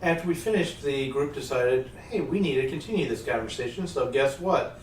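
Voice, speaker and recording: A man's voice: mid-range voice, expressive, fairly quick. A man hosts a casual panel chat around a table, rambling and catching his own slips. His voice sits back from the mic in an echoey room, with a faint hum of ambience behind. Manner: loose, rambling, self-correcting. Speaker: podcast host and producer. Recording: roomy room sound, distant mic.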